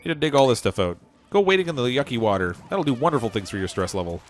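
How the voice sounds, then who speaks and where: Very animated and fast, a man with a mid-range voice gives casual commentary while streaming a game, thinking aloud and laughing often. Slight background noise is present, and his voice is starting to go.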